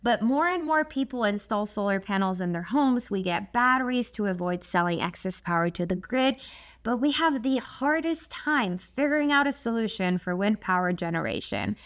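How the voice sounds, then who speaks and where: A Polish woman whose first language is Polish hosts a solar energy channel, giving an explainer talk to camera from a desk in a dim studio with a shelf of glowing props. She is chatty and expressive, full of asides and "like." Her voice is medium-pitched at a normal speed.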